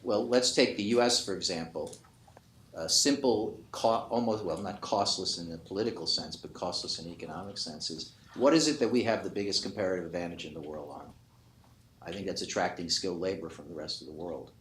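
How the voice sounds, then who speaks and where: At a conference panel before an audience, an economist in his 50s or 60s makes emphatic, argumentative, unscripted remarks, often qualifying his own points. His deep voice is brisk and a bit bright. The room is echoey, with faint noise.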